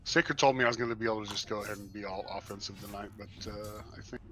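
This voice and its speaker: A man's voice: fairly low pitch, steady tone, fast, fairly bright tone. A man in casual gameplay chat, making dry joking remarks while playing. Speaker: game developer playing on stream.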